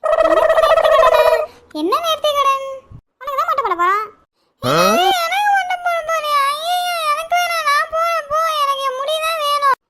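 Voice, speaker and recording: A woman's voice: extremely high pitch, lively intonation, racing, very noisy, pitched above the performer's own voice. A woman voicing a small, stubborn girl in a cartoon who whines and pleads. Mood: wailing. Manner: whining, pleading. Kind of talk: cartoon voice acting.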